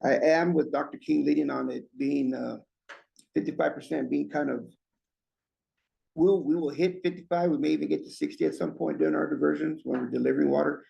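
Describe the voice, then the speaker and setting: Very gravelly man talking with a swollen lip. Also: fairly high pitch, a little fast, mellow, highs cut off. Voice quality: slightly impeded speech from a swollen lip. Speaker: irrigation district staff presenter. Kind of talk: informal meeting presentation.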